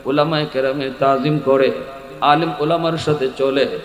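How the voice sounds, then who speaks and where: A man with a Sylheti Bengali accent giving a sermon, swinging from shouted peaks to quiet storytelling. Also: mid-range voice, fairly even intonation, moderate pace. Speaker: preacher. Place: large outdoor or hall religious gathering. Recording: echoey hall with long reverb.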